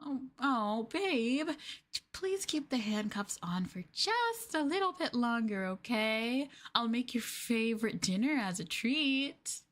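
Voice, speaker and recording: In a yandere ASMR roleplay, a woman plays a sweetly possessive, obsessive young girlfriend, cooing coyly with drawn-out endearments. Her voice is fairly high and very animated, and the mood is soothing and doting.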